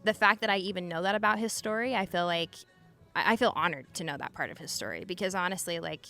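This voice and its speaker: A woman's voice: fairly low pitch, fast talker, vocal fry, bright, forceful tone, soft background music. Chatty woman swearing casually. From Utah. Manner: chatty, lots of "like" fillers and swearing, laughs often. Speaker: podcast guest. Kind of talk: candid casual conversation.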